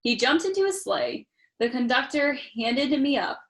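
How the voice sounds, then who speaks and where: Reading a picture book to young children at a normal speed, a woman with a slightly high voice speaks to them directly and expressively, weaving chatty little asides into the narration.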